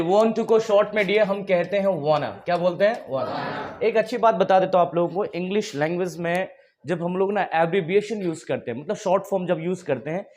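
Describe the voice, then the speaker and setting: A man with an Indian accent teaching English to a class, mixing Hindi and English, often laughing and quizzing the students. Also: high voice. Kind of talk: classroom lesson in Hinglish.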